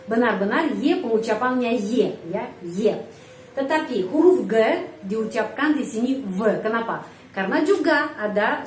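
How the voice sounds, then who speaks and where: A woman's voice: fairly high pitch, a little mellow. Patient woman teacher, echoey room. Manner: patient, repeats and slowly models words. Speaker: Russian teacher. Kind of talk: reading lesson explaining pronunciation. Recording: echoey room from far off, faint noise.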